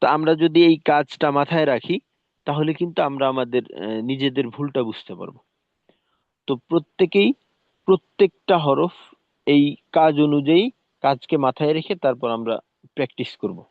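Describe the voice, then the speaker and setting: A man teaching Quran recitation in a recorded lesson. He demonstrates letter sounds slowly, one syllable at a time. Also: a little high, dry recording. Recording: tinny phone-like dry sound.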